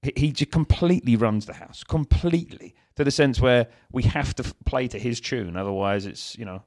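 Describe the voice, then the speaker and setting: A man co-hosting a casual chat podcast, telling animated stories and acting out exchanges with his toddler. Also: mid-range voice, fairly quick. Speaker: podcast co-host.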